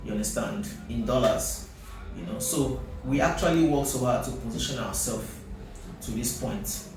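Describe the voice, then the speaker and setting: A man's voice: mid-range voice, moderate pace, music in the background. Nigerian Pidgin-speaking man, very echoey, distant. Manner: often checks "you understand". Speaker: company CEO, interview guest. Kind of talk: conversational interview talk mixing English and Nigerian Pidgin. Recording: very echoey, distant mic, noisy.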